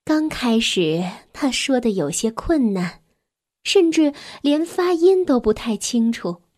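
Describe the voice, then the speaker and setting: A woman narrating a bedtime story for children in a gentle, soft way, sometimes dropping to a whisper. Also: fairly high pitch, animated, slow.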